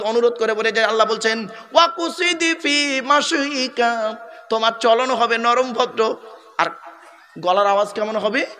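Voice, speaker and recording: A man's voice: high-pitched, bright, forceful tone. A middle-aged man preaching a sermon, calling his listeners "my sons" and often checking whether they agree. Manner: addresses listeners as "bapera", repeats rhetorical checks. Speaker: Islamic preacher.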